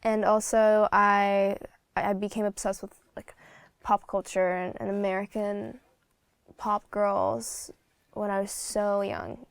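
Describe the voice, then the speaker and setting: A woman's voice: medium pitch, vocal fry, clear, resonant tone, no echo. A Slovak woman in her twenties, a singer chatting as a guest in an interview, blunt and talkative with lots of fillers. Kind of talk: casual interview chat.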